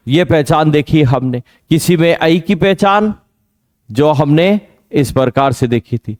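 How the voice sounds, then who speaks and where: A man teaching Hindi grammar in an exam coaching lesson, quizzing students on pronunciation and drawing out key words slowly. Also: a little high, darkish tone, no echo, clean studio sound. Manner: drills pronunciation with repeated questions to students.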